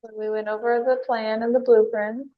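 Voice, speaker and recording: A woman's voice: a little high, level tone, moderate pace, soft background music. A woman speaking from jail on a recorded prison phone call, with a wry, knowing manner and frequent small laughs.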